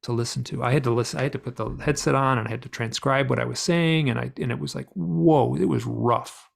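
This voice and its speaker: A middle-aged man with a gravelly, fry-edged voice tells a story at length as an interview guest. He talks in a rambling, animated way, full of fillers and restarts. His pitch sits in an ordinary middle range. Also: fast talker.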